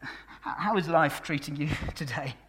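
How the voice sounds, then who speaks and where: British preacher, sermon delivery; wide loud-soft swings, slows on key phrases, earnest and emotional. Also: medium pitch.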